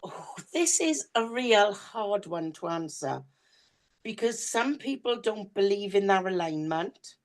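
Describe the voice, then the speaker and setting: With a medium-pitched voice, animated and at a measured pace, a Welsh-accented woman co-hosts a podcast and reads, chatting casually and speaking directly to listeners in a down-to-earth way. Her voice sounds slightly worn as it goes hoarse.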